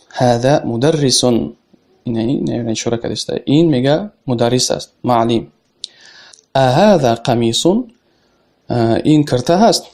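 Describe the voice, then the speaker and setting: A man with a Tajik accent teaching an Arabic lesson in a casual way, reading phrases slowly and then explaining them. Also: medium pitch, a little mellow.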